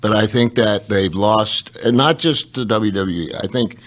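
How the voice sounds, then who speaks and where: A rambling, animated wrestler-turned-podcast-host man. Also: fairly low pitch, moderate pace. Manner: animated, rambling storyteller with many restarts. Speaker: former pro wrestler. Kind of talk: casual interview chat.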